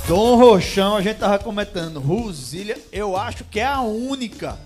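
A man's voice: high-pitched, lively intonation, normal speed. A Brazilian man giving casual live commentary on lots at an auction. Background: music.

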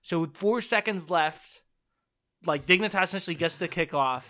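Bright-voiced excitable young man. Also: sits high, normal speed. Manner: excitable, rambling, many fillers. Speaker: podcast co-host. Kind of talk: casual chat.

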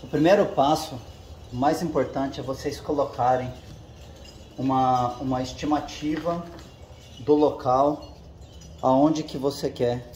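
A channel host speaks in a medium-pitched, steady, darkish voice, going a little slowly with long pauses as he demonstrates a casual how-to and works with his hands. He explains every step and checks in with his viewers. Recorded in an echoey home garage with the door open, there's a little hiss or hum.

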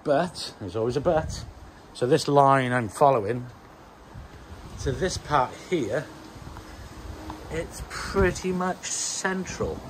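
Standing in an outdoor garden next to a house, a chatty, self-deprecating Welsh man in his fifties explains his patio landscaping for a casual how-to vlog. He speaks in an animated mid-range voice, slowly and with frequent pauses, over a rough recording with some hiss or hum, first from a handheld phone, then a plugged-in mic.

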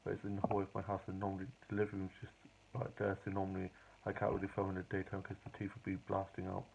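A young British man chatting casually and quietly at home in the evening, rambling through his day for a diary vlog, filmed on a phone at arm's length. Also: sits low, monotone, fast talker, vocal fry, muffled recording, a little hiss or hum. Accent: British English. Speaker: vlogger. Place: hallway home office, indoors at night. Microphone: phone or webcam at arm's length.

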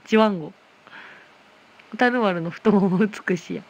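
This muffled recording captures a woman hosting an informal livestream from her phone, where she reads viewer comments and teases back in her replies. Her voice is medium-pitched, slightly mellow and at a normal pace.

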